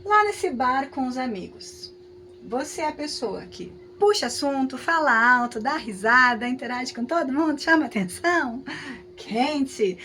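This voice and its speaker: A woman with a Brazilian Portuguese accent teaching a class, talking in a lively, conversational way with frequent tag questions. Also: sits high, a little slow, slight background noise. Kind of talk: lecture with hypothetical examples.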